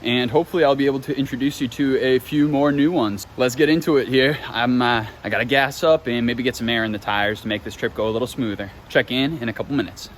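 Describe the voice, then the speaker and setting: A man's voice: mid-range voice, steady tone, quick pace, few pauses, slight background noise. A man vlogging casually from his car on a road trip, chatty and laid-back, swearing now and then. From Boston. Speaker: sneaker vlogger. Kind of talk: casual vlog narration.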